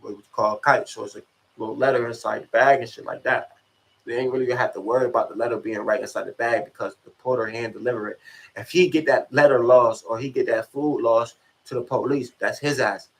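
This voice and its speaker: Young New rapper telling a story. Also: male voice, mid-range voice, fairly even intonation, brisk, fairly bright tone, poor audio. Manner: slangy, profane, keeps asking if you follow. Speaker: rapper and channel host. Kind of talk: casual storytelling.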